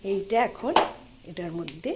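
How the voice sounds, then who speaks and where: Chatty woman cooking over loud sizzling. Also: lowish voice, expressive, a little slow. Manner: chatty, explains each step as she cooks. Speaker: cooking channel host. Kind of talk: casual cooking demonstration. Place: home kitchen. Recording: loud kitchen frying noise. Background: sizzling frying and clattering pots.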